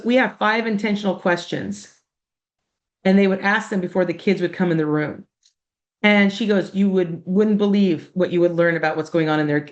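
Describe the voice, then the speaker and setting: A middle-aged woman coach giving a casual, conversational motivational talk to student-athletes, acting out quoted exchanges. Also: medium pitch. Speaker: coach and mental performance speaker.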